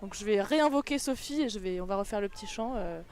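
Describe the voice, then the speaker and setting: A woman's voice: mid-range voice, expressive, quick pace, darkish tone. A woman giving live match commentary in a conversational way, mixing casual chat with analysis of the play. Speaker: sports commentator.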